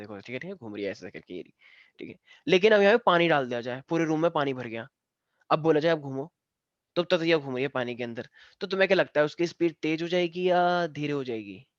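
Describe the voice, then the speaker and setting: A man's voice: on the high side, no echo. Playful male science teacher, dull sound. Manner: playful, joking and teasing students. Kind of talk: live online class lesson.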